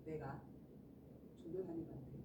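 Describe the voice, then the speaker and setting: A woman's voice: sits low, fairly even intonation, measured pace. A woman preaching a sermon as the pastor's wife, asking her listeners questions and acting out little everyday scenes. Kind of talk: sermon to a congregation. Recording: roomy echo, distant mic, noisy background.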